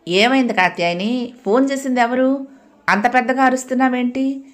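A woman playing a gentle worried mother-in-law. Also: high-pitched, fairly even intonation, normal speed, pitched above the performer's own voice, close to an everyday voice. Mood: concerned. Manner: soothing, concerned. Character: caring middle-aged mother-in-law, gentle and soothing.

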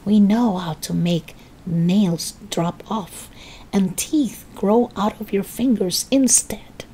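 A woman's voice: medium pitch, takes it slowly, mellow, breathy edge, rough recording. A woman voicing a sinister old grandmother who talks with relish in a throaty, creeping whisper. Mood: whispered menace.

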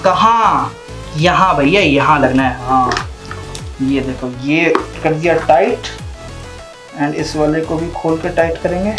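A man's voice: sits high, a bit bright. A young man in a casual how-to vlog, chatting and repeating himself as he works with his hands at a desk in a small room. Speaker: vlogger.

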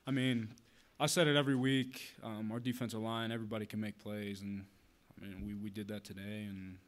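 A young man, a college linebacker, answering post-game questions quickly, saying "I mean" often. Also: on the low side. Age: young adult. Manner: quick, flat, peppered with "I mean". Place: press room with logo backdrop. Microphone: table mic.

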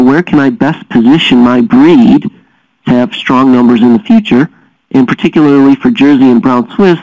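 A man's voice: mid-range voice, no room sound. Man explaining dairy economics, dull dry sound. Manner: explanatory, steady, with frequent "uh" fillers. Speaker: dairy science lecturer. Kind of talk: recorded lecture.

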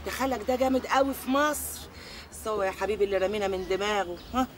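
A woman's voice: medium pitch, racing, a little hiss or hum, lightly acted. An actress playing an older mother who pleads with and coaxes her son, speaking with an Egyptian accent. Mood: pleading. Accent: Egyptian Arabic. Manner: pleading, coaxing. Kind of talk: film acting.

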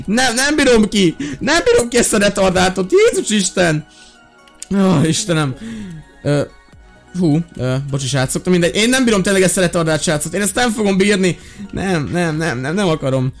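A young man role-playing a fed-up teacher in a game, yelling, pleading and exclaiming in exasperation. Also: high-pitched, expressive, soft background music. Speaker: gaming YouTuber playing a teacher. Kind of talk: Minecraft role-play commentary.

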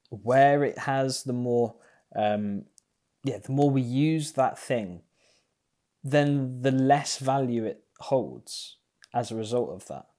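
A man's voice: medium pitch, mellow. A young man giving an online sermon from a small room, speaking thoughtfully on an earphone mic. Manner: unhurried, thoughtful, with many ums. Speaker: pastor. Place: small indoor room at home. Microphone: earphone mic, facing camera.

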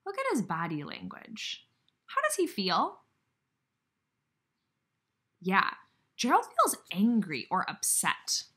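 Reading to young children like a kindergarten teacher, this woman addresses them directly with instructions and questions. She speaks slowly at medium pitch, pausing often, her pitch swooping wildly and her tone a bit bright and husky; the setting is an indoor room with a brick wall near a window.

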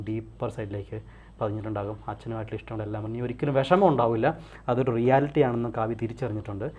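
Man leading a slow hypnosis session. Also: fairly low pitch, mellow, dull audio. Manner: repetitive soothing commands, slow counting.

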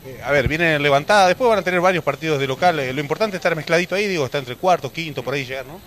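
A man's voice: fairly high pitch, very fast, fairly bright tone. A man with an Argentine accent interviewing a basketball player for local TV, asking chatty questions full of fillers. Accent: Argentine Spanish. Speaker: sports reporter interviewing a player.

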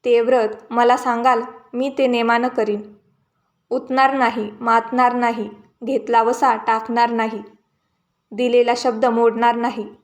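A woman's voice: a little high, level tone, measured pace. A woman doing a timid, anxious palace maid. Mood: pleading vow. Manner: anxious, pleading.

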